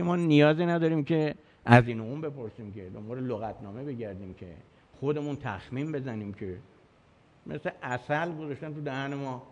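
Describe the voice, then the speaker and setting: A man giving a religious lecture, emphatic and argumentative, counting off his points and asking rhetorical questions. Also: mid-range voice.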